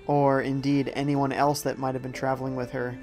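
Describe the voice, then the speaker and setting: A man's voice: medium pitch, level tone, fairly quick, a little mellow, soft background music. A young man casually commentating a live game stream, reading viewer chat aloud and reacting to the gameplay. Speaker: gaming streamer.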